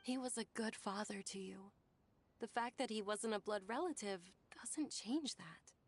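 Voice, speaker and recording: Gentle, polite young noblewoman played by a woman. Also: medium pitch, unhurried, soft background music, close to an everyday voice. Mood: consoling. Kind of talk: anime game voice acting.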